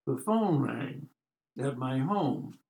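Spinning life stories as a podcast guest, this American man in his nineties is wry, jokey and prone to rambling. He speaks slowly and animatedly in a medium-pitched, slightly mellow voice.

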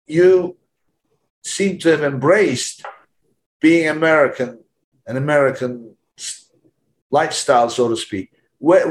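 A man interviewing a guest, asking measured questions in a conversational way. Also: a little high.

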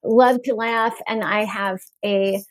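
A woman's voice: medium pitch, steady tone, takes it slowly, no echo. A woman in her forties, a guest author in a candid podcast interview, talking frankly with wry humor and easy laughter.

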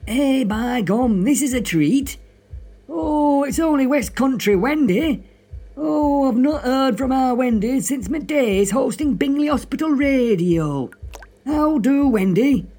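A man's voice: very high-pitched, lively intonation, takes it slowly, warm tone, husky, heavily acted. A man playing a jovial, grumbling Northern English radio host with a folksy, droll manner in a comedy show. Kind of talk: comic radio monologue and phone-in.

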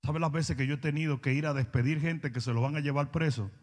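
A man's voice: on the high side, steady tone, fast, darkish tone, big-room sound. A male pastor preaching a blunt, confrontational sermon, mocking people and acting out their quoted words in voices.

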